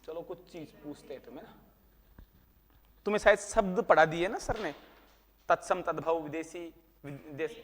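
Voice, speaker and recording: A man's voice: a little high, normal speed, long pauses, in a large hall. A male teacher giving a history lesson to a class, teasing students and asking questions that he then answers himself. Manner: teasing, talks to students by name.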